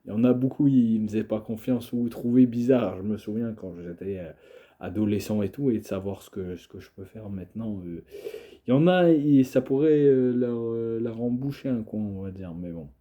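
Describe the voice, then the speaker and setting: On a muffled recording, a young man with a cold coughs and talks casually to camera. The video creator has a lowish voice and a hesitant delivery full of fillers and restarts.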